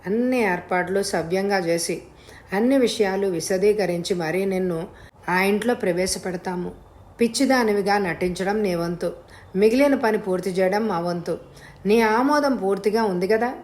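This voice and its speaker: Here is a cold, commanding male villain in disguise, as a woman narrator puts him on. He speaks in calm threats and firm orders throughout this storybook reading. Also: medium pitch, moderate pace, lightly acted. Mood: coaxing.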